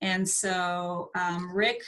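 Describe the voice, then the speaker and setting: Bright-voiced woman hosting a team call. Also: fairly low pitch, level tone, extremely slow, rough recording. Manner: friendly, loose, trails off in asides. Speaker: team leader hosting the meeting. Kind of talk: casual meeting chat on a video call. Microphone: video call.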